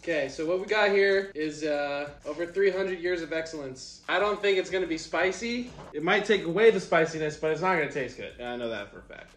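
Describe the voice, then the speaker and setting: A young man with a fairly high voice chats casually as a vlog co-host. He jokes and swears freely. The sound is echoey, picked up across a kitchen table. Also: lively intonation, a little fast, few pauses, fairly bright tone. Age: young adult. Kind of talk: casual joking chat, swearing. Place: indoors, home kitchen table. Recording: echoey room.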